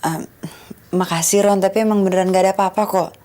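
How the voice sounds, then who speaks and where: A woman's voice: medium pitch, fairly even intonation, quick pace, warm tone, close to an everyday voice. An actress playing a young woman who hesitantly insists nothing is wrong. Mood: evasive. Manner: hesitant, evasive. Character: evasive young woman hiding her troubles.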